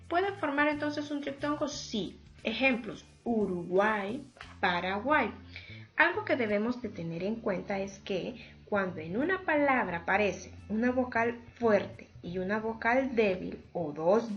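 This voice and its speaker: A woman's voice: a little high, a bit bright. A woman teacher giving a remote lesson on accents and syllables, pronouncing words syllable by syllable and speaking formally to her students. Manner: slow, deliberate, syllable by syllable, addresses students formally.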